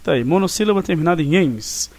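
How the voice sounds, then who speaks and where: A man with a Brazilian Portuguese accent leads a recorded online review class, speaking expressively and fast in a highish, slightly mellow voice. He explains things and checks in often with "né?" and "tá?", in a dry recording.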